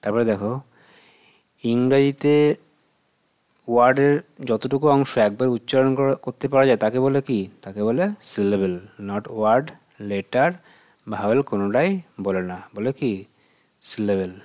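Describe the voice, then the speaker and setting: Male tutor, Bengali accent, mid-pitched voice, patient question-and-answer delivery for young students. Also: takes it slowly, pauses often, darkish tone. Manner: patient, asks and answers his own questions. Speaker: teacher. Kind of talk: exam question walkthrough for children.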